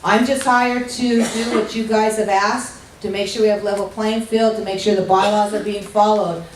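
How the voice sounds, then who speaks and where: A middle-aged woman with a hoarse, gruff voice giving a welcome speech at a rules clinic, talking informally with many ums and restarts. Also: mid-range voice, fairly even intonation, normal speed, slight background noise. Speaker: executive director of a state activities association. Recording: echoey hall from far off.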